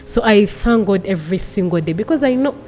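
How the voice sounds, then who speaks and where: A woman's voice: medium pitch, lively intonation, fairly quick, mellow, soft background music. A woman in her twenties, a podcast guest, telling her personal story earnestly and repeating phrases for emphasis. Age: 20s.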